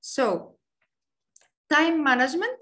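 A woman's voice: high voice, sing-song, slow, fairly bright tone. A Tunisian woman in her forties, a business lecturer with a French-influenced English accent, giving an online lecture over a video call with many hesitant fillers.

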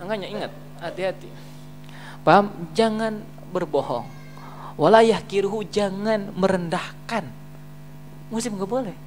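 Lively male religious teacher. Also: sits high, measured pace, long pauses, soft background music. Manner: lively and joking, switches between loud emphasis and quiet asides, asks "paham?". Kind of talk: casual Islamic study lecture. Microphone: streamed live.

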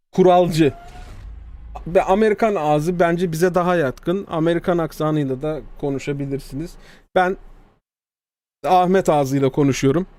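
A man's voice: on the high side, darkish tone, no room sound. A man streaming live, casually commenting on a video he is watching, chatty and joking, with swearing. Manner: chatty, swearing, jokey asides.

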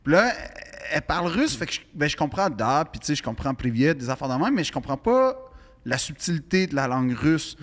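A man's voice: fairly high pitch, sing-song, fairly quick, fairly bright tone, big-room sound. A man with a Quebec French accent, a podcast guest telling a long anecdote in a rambling way with many restarts. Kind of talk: casual storytelling.

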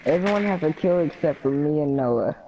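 A man's voice: a little high, lively intonation, brisk, dark tone, lo-fi sound. A man chatting casually during a multiplayer game, swearing, griping and teasing crudely. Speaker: gamer in a multiplayer match. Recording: noisy game voice chat, clicks.

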